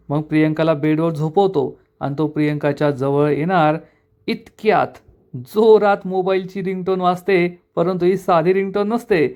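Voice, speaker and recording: A man narrating a television episode recap in a steady, flowing way. His voice sits a little higher than most men's. The delivery stays even and storytelling-like throughout.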